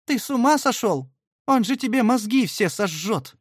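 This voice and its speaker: A man voicing a kind, middle-aged aunt who gasps and scolds softly, in an audiobook. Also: fairly high pitch, animated, moderate pace, breathy edge, no echo, clean studio sound, pitched above the performer's own voice. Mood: alarmed. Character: kind fussing aunt, middle-aged woman, soft-spoken.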